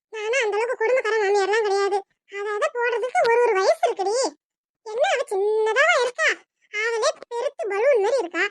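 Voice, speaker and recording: A woman's voice: extremely high pitch, slight background noise. A woman voicing a bossy, scolding middle-aged mother-in-law with a Tirunelveli Tamil accent. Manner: scolding, sharp-tongued.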